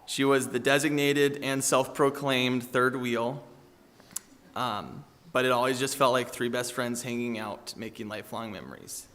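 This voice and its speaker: A man giving a eulogy for his sister, telling fond stories with hesitant fillers and soft laughs. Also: medium pitch, unhurried, in a large hall. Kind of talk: memorial eulogy. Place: church sanctuary.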